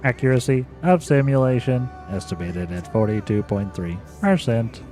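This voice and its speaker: A gamer playfully reads in-game lines aloud, putting on a robot voice for a formal robot unit with clipped, mechanical phrasing. His mid-range voice is animated and darkish at normal speed, close to everyday speech, with soft music in the background.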